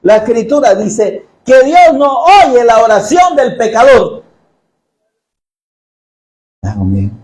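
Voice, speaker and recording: A man preaching a sermon in a church, jokey and animated, often asking the congregation questions. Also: very high voice, slow, long pauses, echoey room, poor audio.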